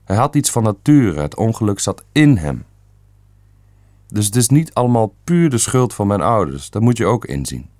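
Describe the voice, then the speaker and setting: A man's voice: on the low side, sing-song, moderate pace, a little mellow, no room sound, studio quality. A man reading the part of a stern, self-assured elderly great-uncle who speaks bluntly and matter-of-factly.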